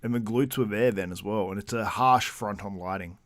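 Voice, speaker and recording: A man's voice: lowish voice, a little fast, dry recording. A man hosting a casual live-stream, chatting loosely and reading out viewer comments between laughs. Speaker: livestream host.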